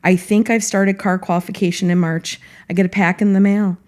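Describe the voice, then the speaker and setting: Middle-aged lady spinning a story on a podcast, lively and animated. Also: medium pitch, fairly quick. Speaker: guest, local businesswoman and former teacher.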